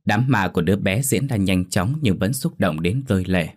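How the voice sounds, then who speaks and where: A man reading a scripted horror story in a measured, solemn way. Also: low voice, animated.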